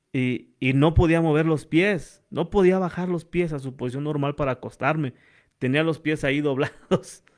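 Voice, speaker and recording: A middle-aged man, telling a personal story in a church talk and addressing listeners as brothers. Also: medium pitch. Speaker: church speaker. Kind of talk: informal testimony and preaching.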